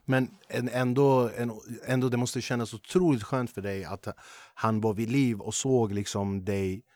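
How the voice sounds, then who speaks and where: Relaxed male podcast host. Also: medium pitch, no echo, studio quality. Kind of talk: casual podcast chat.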